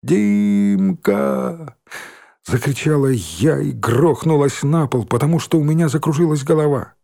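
A man narrating an audiobook in a lively, expressive storytelling manner. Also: a little high, moderate pace. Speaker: audiobook reader.

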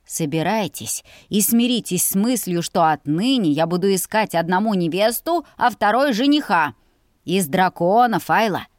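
A woman's voice: medium pitch, lively intonation, normal speed, dry recording, studio quality, lightly acted. A woman voicing a firm, authoritative father. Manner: firm, declaring, emphatic.

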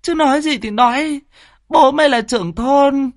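A man's voice: medium pitch, animated, normal speed, vocal fry, darkish tone, slightly rough, dry recording, clean studio sound, voice pushed up. A man voicing an anxious middle-aged village mother in a horror story. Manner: anxious, pleading.

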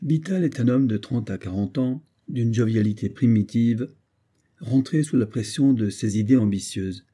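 Male audiobook reader, measured and ironic, very dark and husky. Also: mid-range voice. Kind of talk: scripted narration.

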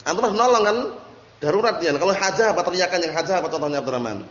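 A male religious teacher explains a text line by line in a slightly high voice and stops often to ask his listeners questions. The audio is dull and lo-fi, with a faint hiss. His voice rings through a large, echoey hall. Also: lively intonation, very fast, a bit bright. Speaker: Islamic teacher. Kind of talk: religious study lesson.

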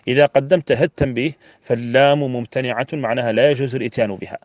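A man's voice: medium pitch, steady tone, racing, no room sound, muffled recording. A man from Mauritania, a scholar lecturing on grammar and repeating key phrases for emphasis. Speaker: Islamic scholar teaching grammar. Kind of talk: classroom lecture explaining a verse text.

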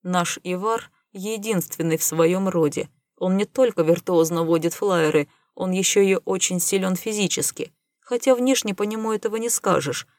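A scheming space pilot who spins lies with breezy confidence, read by a woman. The voice sits low, and the recording is dry and close, with no room around it. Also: moderate pace, a little mellow, no room sound, natural voice. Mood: smooth, persuasive. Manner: confident, lying with easy enthusiasm. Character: scheming smooth-talking male spacer, glib liar. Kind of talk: audiobook character reading.

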